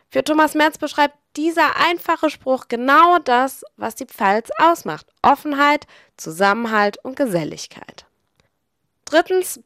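A woman with a Palatinate German accent, from the Palatinate, giving a scripted explainer narration with a lively presenter delivery. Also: mid-range voice, no echo, studio quality.

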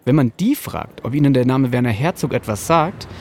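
A man's voice: medium pitch, lively intonation, a little fast, a little mellow, dry recording, clean studio sound. A man hosting a podcast, delivering scripted narration with casual asides and informal slang peppered with English loanwords. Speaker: podcast host, journalist.

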